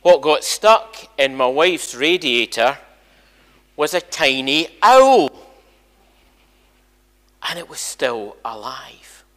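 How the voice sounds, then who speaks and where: An older Scottish minister tells stories in an informal, animated all-age talk to his congregation in a large indoor church sanctuary. His fairly high voice swings widely in pitch, sharp in tone, slow and full of pauses. The hall's echo has a long reverb.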